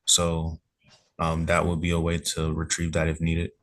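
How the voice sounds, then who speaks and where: A man's voice: rumbling low, monotone, unhurried, a bit bright. A police officer testifying in court over a remote call, polite and hedging in his answers.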